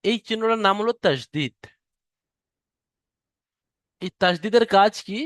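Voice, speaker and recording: High-voiced man teaching patiently. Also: fairly bright tone, dry recording, clean studio sound. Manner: patient, spells out syllables slowly and drawn out. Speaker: Quran reading teacher. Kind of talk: recorded online lesson.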